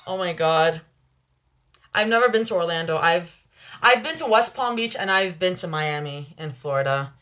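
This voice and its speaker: A woman's voice: lowish voice, animated, fairly bright tone. Chatty young woman streaming live. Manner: chatty, laughs often, quick asides. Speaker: livestream host reading chat. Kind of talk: casual live chat with viewers.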